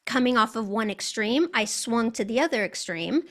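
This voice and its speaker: A woman's voice: on the high side, animated, normal speed, a bit bright. A woman with an American accent, a guest telling her story in an interview, articulate and reflective.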